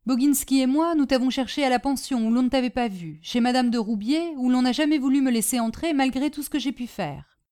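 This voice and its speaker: A domineering old aunt snaps out orders and mockery, voiced by a woman reading a storybook. Her voice sits high and pushes loud. She sounds scornful and sure of her own power. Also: fairly quick, natural voice. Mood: stern. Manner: sharp, mocking, commanding. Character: domineering stubborn older aunt, scornful and scolding.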